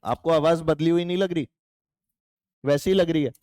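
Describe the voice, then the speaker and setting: A man's voice: a little high, normal speed, a little mellow, no room sound, studio quality. A male physics teacher giving a playful, chatty classroom lecture and teasing his students.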